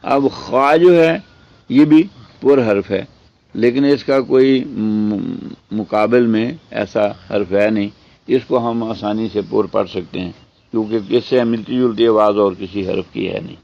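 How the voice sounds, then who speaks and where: A man teaching a tajweed lesson. He explains step by step, asks and answers his own questions, and draws out the recited words slowly. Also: fairly low pitch, muffled recording. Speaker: Quran teacher.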